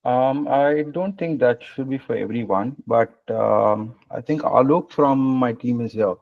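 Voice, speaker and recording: Gravelly man hosting a webinar call. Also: mid-range voice, unhurried. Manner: relaxed, many fillers, hesitant phrasing. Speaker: webinar host. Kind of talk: casual webinar Q&A and wrap-up. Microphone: video call. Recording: muffled video-call audio.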